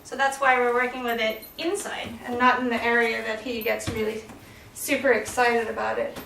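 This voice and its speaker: Woman dog trainer, bright and high, recorded roomy from a distance in a house. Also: moderate pace, creaky, slight background noise. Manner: calm explaining, soft praise to the dog. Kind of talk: instructional demonstration. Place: indoors in a house.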